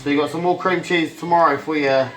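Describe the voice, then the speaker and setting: A man's voice: fairly high pitch, steady tone, quick pace, fairly bright tone, soft background music. A man giving an informal, sweary home cooking demonstration as an amateur cook, sounding drunk. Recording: clear background noise, clicks.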